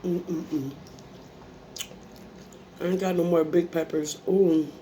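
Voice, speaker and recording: A woman's voice: fairly low pitch, little pitch movement, slow pace, mellow, a little hiss or hum, low-quality recording. An American woman hosting a casual mukbang, chatting in a folksy, informal way between bites with savoring hums. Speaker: mukbang host. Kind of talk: casual mukbang chat while eating.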